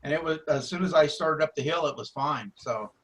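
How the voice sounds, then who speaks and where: A man giving an account in casual, halting group chat. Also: a little high, fairly bright tone, poor audio.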